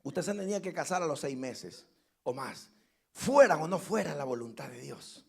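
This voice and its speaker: A man preaching a sermon as pastor, calling his listeners brothers and driving points home with loud repeated lines. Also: fairly high pitch, animated, normal speed, creaky, breathy edge. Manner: preaching with sudden loud emphasis and repeated phrases.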